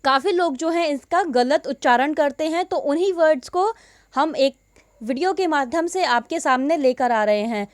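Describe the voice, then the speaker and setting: Woman, Indian accent, high voice, slow and deliberate, pronunciation lesson, dry close sound. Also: lively intonation, no echo. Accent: Indian English. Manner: slow, deliberate, stretches out example words. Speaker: English pronunciation teacher. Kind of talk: Hindi-English mixed lesson.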